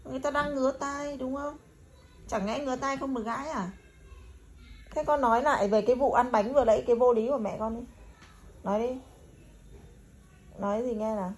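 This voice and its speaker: A woman's voice: sits high, steady tone, fairly quick, long pauses, a little mellow. A woman in a casual family chat, prodding a child with teasing questions. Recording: echoey home room, faint noise.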